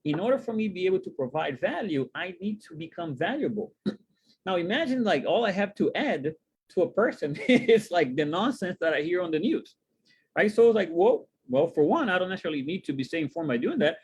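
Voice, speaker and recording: Husky man from Brazil, animated webinar talk. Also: fairly quick. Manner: animated, rising pitch on rhetorical questions, many fillers. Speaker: co-host, wealth coach. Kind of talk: casual webinar chat.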